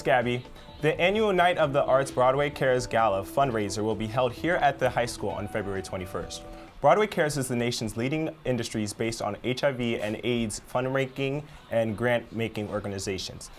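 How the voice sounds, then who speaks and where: A man's voice: medium pitch, fairly quick, faint music behind. A teenage boy anchoring a school news show, reading segments and bantering playfully. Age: teens. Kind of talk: scripted anchor read with banter.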